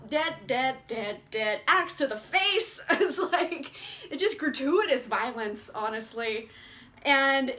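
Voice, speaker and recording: A young woman reviews books in a chatty vlog, laughing a lot and swearing freely. Her voice sits high, bright and forceful.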